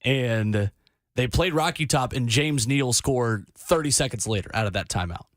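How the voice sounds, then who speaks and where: A man's voice: mid-range voice, normal speed, no room sound. A man hosting a sports radio show with casual banter in a studio.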